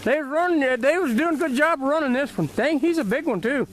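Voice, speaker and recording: Man, Southern US accent, high-pitched, casual hunting commentary, handheld camera outdoors, faint noise. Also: expressive, fairly quick. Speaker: hunter filming a rabbit hunt. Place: outdoors in brushy woods. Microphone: handheld camera held by the speaker.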